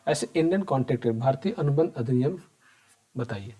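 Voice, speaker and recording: A man teaches an accounting lesson for exam preparation in a conversational style, speaking straight to his students, repeatedly asking them questions and answering them himself, and going over the key points again. His mid-range voice is mellow, a little fast, with lively intonation.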